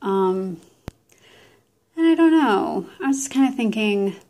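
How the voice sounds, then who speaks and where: A woman rambling casually into a camera at home, meandering and self-deprecating with many pauses and ums. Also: medium pitch, animated, dark tone. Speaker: vlogger. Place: at home indoors.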